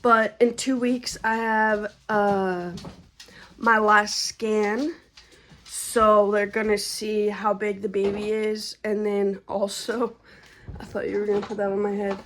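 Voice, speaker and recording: A woman's voice: mid-range voice, level tone, takes it slowly, slight background noise. A young woman vlogging a casual update about her pregnancy, chatty and slangy, and out of breath from being heavily pregnant. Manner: chatty, slangy, laid-back.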